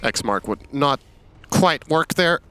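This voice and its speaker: A man's voice: on the high side, animated, slow, over music. A man casting a live esports match in a dry, matter-of-fact analyst manner. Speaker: esports caster.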